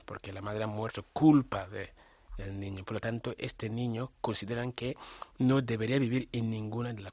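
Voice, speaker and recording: A young man from Ghana answering interview questions with a lowish voice. He explains at a measured pace, and the sound is dry and close. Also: slightly rough, dry recording. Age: young adult. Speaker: interview guest, audiobook author.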